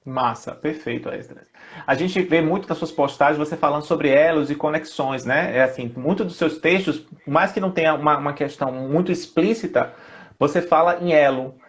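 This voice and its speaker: A man with a Brazilian Portuguese accent hosting a casual live-stream interview, asking relaxed, rambling questions. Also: a little high, normal speed. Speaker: host.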